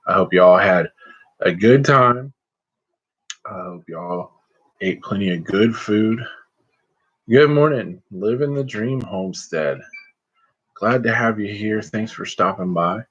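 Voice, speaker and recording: A middle-aged man chatting casually and folksily on a livestream, rambling along with hesitant pauses. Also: on the low side, a bit bright, slightly rough. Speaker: host of a livestream vlog. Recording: slightly muffled, lo-fi livestream audio.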